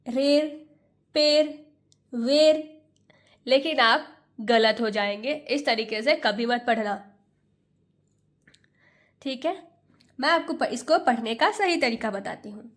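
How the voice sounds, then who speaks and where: A woman's voice: high voice, a bit bright. A woman teaching English pronunciation in Hindi, sounding out each letter and patiently repeating every word. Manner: sounds out letters slowly, one by one. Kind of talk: Hindi phonics lesson.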